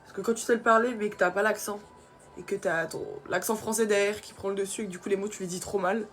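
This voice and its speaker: A woman's voice: medium pitch, steady tone, quick pace, soft background music. A young woman from France chatting casually through her skincare routine, with many fillers. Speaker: beauty vlogger.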